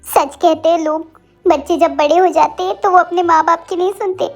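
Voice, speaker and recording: A bossy, emotional mother and grandmother who scolds and dramatizes everything, played by a woman narrator. Her voice sits very high, with soft music under the storybook narration. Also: fairly even intonation, a little fast. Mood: scolding. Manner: scolding, theatrical.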